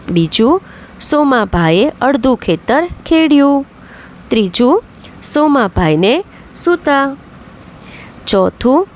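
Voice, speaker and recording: A woman teacher, reading out workbook questions and then giving each answer. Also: a little high. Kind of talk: slow explanatory workbook lesson.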